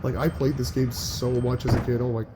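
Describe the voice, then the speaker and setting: A young adult gaming channel host gives rambling, chatty gameplay commentary in a slightly nasal, mid-range voice, frequently restarting sentences and dropping filler "likes." His pitch barely moves, he talks a little fast, and music plays in the background.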